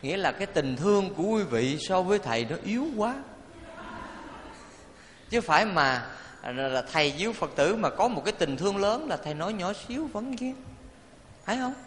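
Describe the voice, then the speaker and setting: A man, a Buddhist monk, giving a playful, animated dharma talk to an audience and leading them in chanting. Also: high voice, normal speed, long pauses, slight background noise. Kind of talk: sermon. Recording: reverberant hall, faint ambience.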